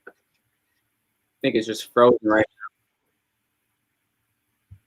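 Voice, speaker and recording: A man's voice: on the low side, monotone, drawn-out words. Man on a choppy video call breaking up. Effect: choppy video call audio breaking up. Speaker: guest artist.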